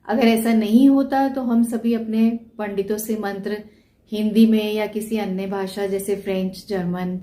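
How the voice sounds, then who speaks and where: A woman teaching Sanskrit pronunciation, sounding words out slowly and patiently and asking questions that she then answers herself. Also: a little high, mellow. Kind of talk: spoken pronunciation lesson.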